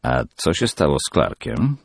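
A mild, absent-minded businessman father murmuring from an audiobook, read by a male narrator. The voice is very deep and husky, close and dry. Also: big pitch swings, a little slow, dry recording, heavily acted. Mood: puzzled. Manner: murmuring, soft. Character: middle-aged father, busy shoe tycoon, distracted and mild.

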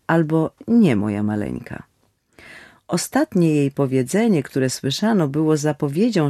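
A man reading a story aloud in a solemn, expressive literary style. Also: on the high side, no echo, studio quality. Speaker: audiobook narrator. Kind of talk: scripted storybook narration.

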